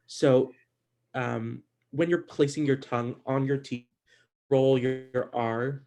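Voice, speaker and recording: Casual halting male language teacher. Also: mid-range voice, fairly even intonation, mellow. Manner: casual, halting, many fillers. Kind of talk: online language class.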